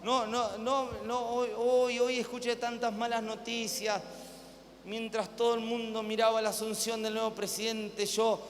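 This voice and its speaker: High-voiced Argentine pastor preaching in a hall. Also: male voice, monotone, a little slow. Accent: Argentine Spanish. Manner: emphatic preaching, repeats phrases and calls for amen. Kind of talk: live sermon. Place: church hall with congregation. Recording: hall reverb, faint room noise.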